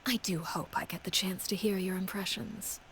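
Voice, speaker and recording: A woman voicing a cold, composed commander in a video game who speaks in a measured, formal and quietly menacing way. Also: medium pitch, steady tone, slight background noise, lightly acted, low-quality recording. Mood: calm. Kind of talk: game voice acting.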